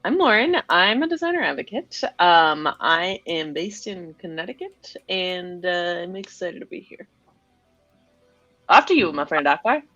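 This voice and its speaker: A woman's voice: lowish voice, sing-song, a little slow, pushed and bright, dry recording, muffled recording, soft background music. A woman co-hosting a casual livestream, playful and jokey. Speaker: designer advocate, co-host. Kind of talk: casual group livestream chat.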